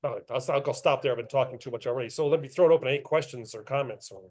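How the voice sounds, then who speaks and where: A middle-aged author talks at a club meeting, chatty and self-deprecating, laughing often as he fields questions in a casual setting. His medium-pitched voice has a darkish tone and a rapid-fire delivery.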